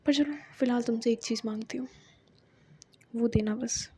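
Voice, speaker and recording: A woman's voice: fairly high pitch, steady tone, normal speed, mellow, breathy edge. A woman voicing a bold, possessive young college woman in a coaxing whisper as whispered role-play.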